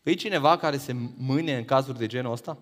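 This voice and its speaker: A man preaching a sermon, firing rhetorical questions that climb to emphatic peaks and then drop low. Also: big-room sound.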